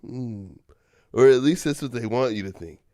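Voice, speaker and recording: A man's voice: mid-range voice, moderate pace, dark tone, no room sound, studio quality. A man co-hosting a sports talk show, reading out prompts and laughing often. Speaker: co-host.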